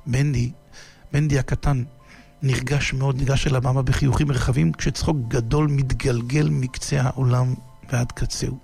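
Guy telling a kids story, super gravelly voice, faint music behind. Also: mid-range voice, flat delivery, a little mellow. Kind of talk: storytelling for children.

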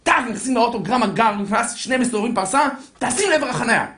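A man telling a story to an audience in an animated way, building suspense and acting out the characters, in an echoey room. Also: extremely high pitch. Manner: lively, acts out voices, builds suspense.

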